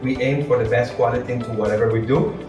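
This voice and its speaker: Male interviewee, English, halting explanatory delivery; distant, echoey recording with music behind. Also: mid-range voice, steady tone. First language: not English. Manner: halting, repeats words, explains with rhetorical questions. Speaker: entrepreneur being interviewed. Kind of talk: interview answers.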